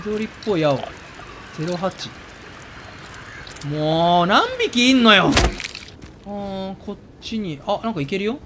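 A man's voice: high voice, background noise. A man giving jumpy let's play commentary, yelping and squealing whenever something scares him. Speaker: game streamer. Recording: voice over game music.

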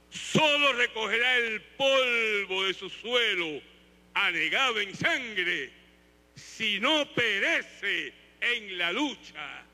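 Man, stage reciter, slow grand delivery, bright ringing tone, long hall reverb. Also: high voice. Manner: slow, solemn, rising to fervent peaks. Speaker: poetry reciter. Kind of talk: declamatory poetry recital on stage. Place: large concert hall stage. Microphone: handheld mic.

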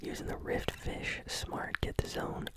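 A gaming channel host whispering ASMR commentary while chewing gum and reacting excitedly to a match. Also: unhurried. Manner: whispering throughout.

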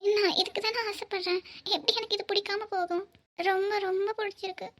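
A woman voicing a young, emotional bride-to-be in a cartoon, speaking softly through tears. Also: very high-pitched, level tone, brisk. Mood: tender. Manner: tearful, soft-spoken. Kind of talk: cartoon voice acting.

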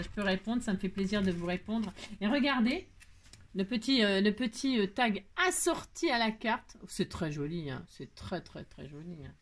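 A woman's voice: medium pitch, slight background noise. A woman craft vlogger chatting casually as she opens her mail, gushing over each piece and cooing to her cat. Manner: effusive, gushing, repeats "trop joli"; coos to her cat in baby talk. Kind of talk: casual chat while opening mail.

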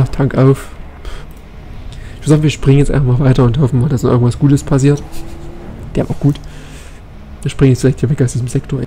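A man giving casual let's play commentary, thinking aloud quickly as he plays. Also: medium pitch, dark tone, slight background noise.

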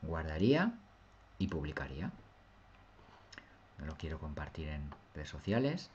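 A man, a teacher walking through a software tutorial step by step and often checking that viewers follow. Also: a bass voice, sing-song, measured pace, muffled recording, slight background noise. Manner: patient, step-by-step, often asks "¿lo veis?". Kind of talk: screen-recorded software tutorial.

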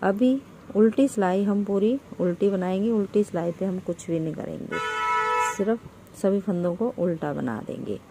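A woman's voice: medium pitch, normal speed, background noise. A woman hosting a knitting tutorial, explaining each step patiently, counting stitches aloud, and addressing viewers as friend. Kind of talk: step-by-step craft instruction.

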